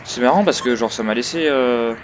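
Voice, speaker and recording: A man's voice: mid-range voice, moderate pace. A man hosting a casual gaming let's play, thinking aloud in a rambling, hesitant way, recorded on a headset microphone. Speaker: gaming video host. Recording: noisy headset mic with clicks. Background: clear noise and clicking.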